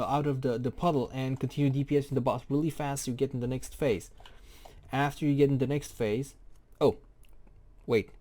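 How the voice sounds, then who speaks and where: Man, mellow warm voice, casual game tutorial, rambling, jokey, self-correcting. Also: medium pitch. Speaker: game guide creator.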